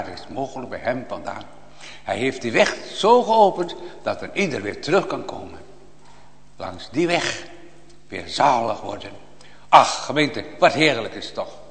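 A man preaching a sermon to his congregation, swinging from hushed appeals to loud, impassioned calls. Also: mid-range voice. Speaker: pastor. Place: church. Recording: long reverb of a church hall.

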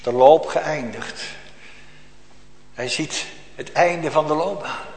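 A man preaching a sermon, swinging between loud emphatic calls and quiet, almost whispered asides. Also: a little high, takes it slowly. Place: church. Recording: echoey church hall.

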